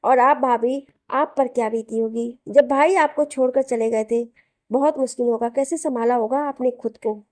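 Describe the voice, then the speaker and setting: A woman voicing a gentle young sister-in-law who is concerned for her family. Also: on the high side, steady tone, normal speed, dry recording, lightly acted.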